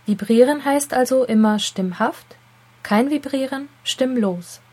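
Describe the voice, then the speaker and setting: Clear, deliberate woman explaining a lesson. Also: sits high, a little mellow. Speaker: teacher. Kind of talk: scripted educational narration.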